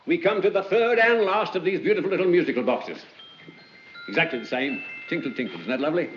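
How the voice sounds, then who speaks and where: Man playing a wheedling London auctioneer, animated, old film sound. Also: on the high side, fast, close to an everyday voice. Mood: cajoling. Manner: theatrical sales patter, repetitive calls. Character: chatty, wheedling London auctioneer, male, hustling salesman. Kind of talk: 1940s film acting. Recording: muffled 1940s film soundtrack, music behind.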